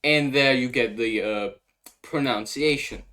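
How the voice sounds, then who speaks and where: With a mid-range voice that sounds pushed and bright, a young man from Denmark speaks at a measured pace with a Danish accent. He hosts a casual walkthrough of a language he made up, thinking aloud hesitantly as he translates on the fly; Danish is his native language.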